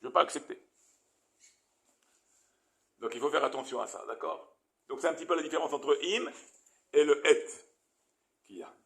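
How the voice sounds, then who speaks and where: A man teaching a Torah lesson as a rabbi, animated and questioning his audience, with many Hebrew terms. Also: a little high, moderate pace, gravelly, pauses often.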